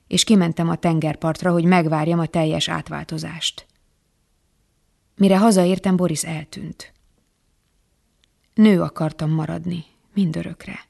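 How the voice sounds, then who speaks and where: Gravelly hushed literary reader. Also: medium pitch. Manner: hushed, often sinking to a whisper. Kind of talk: literary prose reading.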